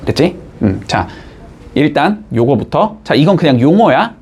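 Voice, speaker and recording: Lively male math teacher checking in. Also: a little high, moderate pace, a little hiss or hum. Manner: lively, coaxing, checks in constantly with short questions. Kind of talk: classroom math lecture.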